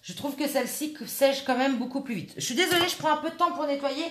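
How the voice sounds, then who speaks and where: A woman's voice: sits high, quick pace, a bit bright. Chatty woman demonstrating crafts in echoey room. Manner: chatty, hesitant, many fillers, talks while working. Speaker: scrapbooking tutorial host. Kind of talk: casual step-by-step craft demonstration.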